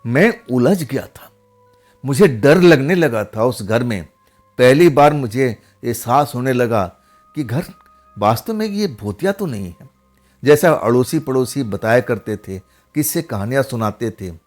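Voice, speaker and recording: Male storyteller, chatty first-person horror narration, mid-pitched, faint music behind. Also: lively intonation, a little mellow. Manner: conversational, many pauses and tag questions.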